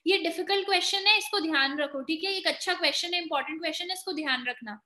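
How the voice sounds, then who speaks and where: A woman's voice: very high voice, fast, bright, forceful tone, echoey room. A woman with an Indian accent teaching grammar in an online exam-prep lesson, explaining step by step and quizzing her students. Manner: explains in mixed Hindi and English, quizzing students.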